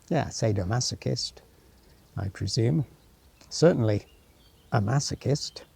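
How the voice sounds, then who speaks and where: Walking around what was once a military town, this male travel vlogger talks off the cuff, half to himself, dropping wry remarks and occasionally reading signage out loud. He speaks slowly in a mid-range voice with vocal fry, a dark tone and a breathy edge.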